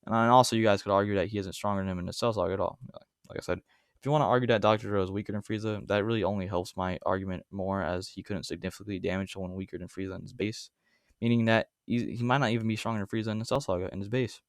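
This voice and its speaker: A man's voice: fairly low pitch, fairly even intonation, racing, clean tone, dry recording, studio quality. A man giving a casual, argumentative commentary monologue, rambling and correcting himself as he goes. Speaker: YouTube debate commentator.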